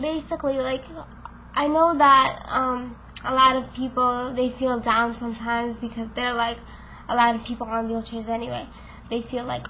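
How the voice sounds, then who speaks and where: A woman vlogger in her twenties, congested and losing her voice, speaks to camera casually and frankly, using many fillers. Her voice is a little high with a sharp tone. The recording is muffled, with a little hiss or hum.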